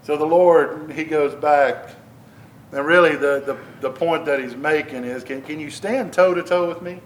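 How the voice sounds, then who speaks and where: Inside a church, a man with a fairly high voice delivers a conversational sermon and Bible teaching into a microphone at a moderate pace. He repeats himself, restarts phrases, and presses questions on his listeners with rising emphasis. The audio quality is poor.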